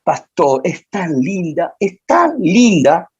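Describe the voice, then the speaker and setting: A man voicing a remorseful young husband, nervous and tearful, with anguished, drawn-out pleas. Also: high-pitched, very animated, a little mellow, breathy edge, dull audio, pitched above the performer's own voice, heavily acted.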